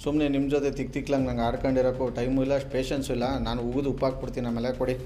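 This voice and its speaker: A radio host with a southern Karnataka accent runs a comic prank call, teasing and arguing in a mock-scolding manner. His medium-pitched, warm voice stays fairly flat and rapid-fire, with a music bed playing behind him.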